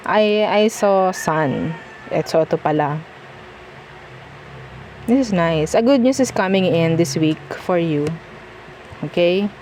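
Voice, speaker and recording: Chatty Filipina tarot reader, low voice. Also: female voice, slow, long pauses, a little mellow, a little hiss or hum. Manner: chatty, reassuring, mixes Tagalog and English, frequent "okay?". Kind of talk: casual tarot reading monologue.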